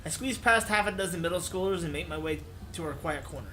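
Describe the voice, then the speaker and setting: With a fairly high, sharp voice, a fast-talking man narrates a visual novel for a let's play, mixing in casual remarks. Background music runs underneath, plus a little background noise.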